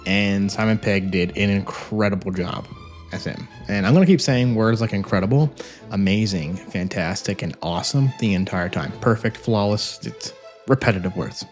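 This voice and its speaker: In a fairly low pitch and at a moderate pace, the host of an audiobook review video talks into his microphone from a home office, using a phone camera with a separate mic. Music plays as he delivers a casual, enthusiastic, gushing review.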